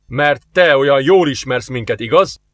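A man's voice: a little high, fairly bright tone, no room sound, close to an everyday voice. A man voicing a stern, hostile male alien warlord in an audiobook, talking in curt commands.

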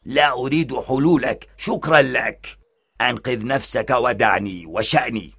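A man voicing a greedy, hot-tempered male wolf in a children's storybook, with a blunt, gruff manner. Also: medium pitch, normal speed, fairly bright tone, voice pushed up. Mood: curt.

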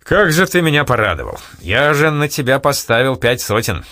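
Man voicing a hearty general, exclaiming, lively swinging pitch, audiobook. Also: normal speed, dry recording, clean studio sound. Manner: exclaiming, effusive. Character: hearty warm-hearted army general, older brother.

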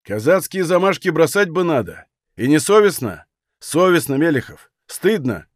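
A man voicing a firm young Cossack who speaks briskly and reproachfully. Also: fairly high pitch, big pitch swings, no room sound, clean studio sound.

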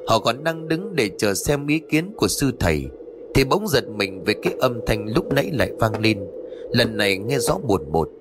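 A man telling a horror story in a scripted, dramatic, expressive way. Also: medium pitch, moderate pace, over music.

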